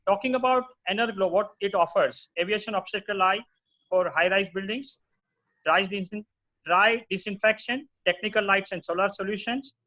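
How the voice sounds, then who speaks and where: A man with an Indian accent delivers a prepared company presentation. His voice sits high for a man and has a bright, forceful edge. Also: moderate pace, poor audio.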